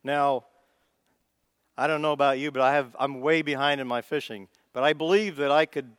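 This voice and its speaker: In a clean studio recording with no echo, a man with a Midwestern accent gives a casual, folksy sermon, working out his thoughts aloud with minor restarts. His voice is medium-pitched and a bit bright with a clean tone, fairly even intonation and a moderate pace.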